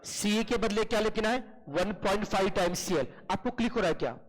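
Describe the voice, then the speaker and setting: A male accountancy teacher giving an online class, firing quick questions at his students and answering them himself, calling them "beta". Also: sits high, lively intonation, low-quality recording.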